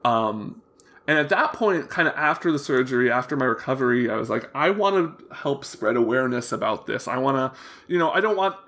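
A young man with prominent vocal fry talking openly in a casual interview, earnest and rambling, often backtracking as he tells his story. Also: mid-range voice, expressive, fairly quick, fairly bright tone. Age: young adult. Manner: hesitant, rambling, self-correcting storytelling; open, earnest. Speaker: interview guest.

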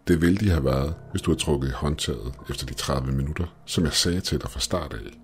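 A man's voice: rumbling low, a little hiss or hum. A man voicing a scheming, smug older male professor in a horror story, with faint music behind.

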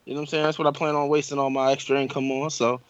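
A man's voice: medium pitch, flat delivery, racing, dry recording, highs cut off. A man co-hosting a podcast, talking in a laid-back, slangy way. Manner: laid-back, slangy, keeps saying "you know what I'm saying". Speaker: podcast co-host. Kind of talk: casual chat.

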